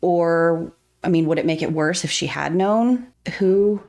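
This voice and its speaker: A woman's voice: on the low side, unhurried, a little mellow. A woman co-hosting a true crime podcast, chatting casually and reacting bluntly, with some swearing. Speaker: podcast co-host.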